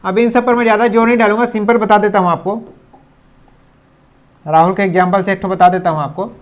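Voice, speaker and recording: High-voiced man teaching English grammar. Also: fairly even intonation. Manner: explains patiently, repeats example sentences slowly; mixes English sentences into his speech. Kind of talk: classroom-style video lesson.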